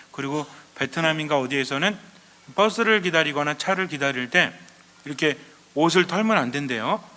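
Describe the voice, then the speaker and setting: Priest guy telling stories in a sermon, bright fairly high voice, big echoey hall. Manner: lively storytelling with rhetorical questions. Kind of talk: Advent lecture sermon.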